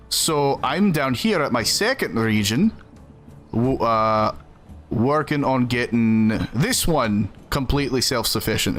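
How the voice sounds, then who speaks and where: A man's voice: medium pitch, a bit bright. A man from the American South chatting earnestly with his live-stream audience while playing a game. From Southern United States. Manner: earnest, chatty, answers chat between gameplay. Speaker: gaming streamer. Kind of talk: casual live-stream chat.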